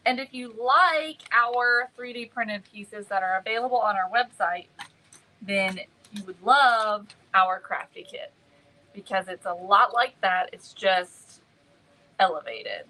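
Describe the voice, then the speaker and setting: A woman hosting a casual craft livestream, greeting viewers by name and filling pauses with many ums. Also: mid-range voice, animated, pushed and bright, low-quality recording.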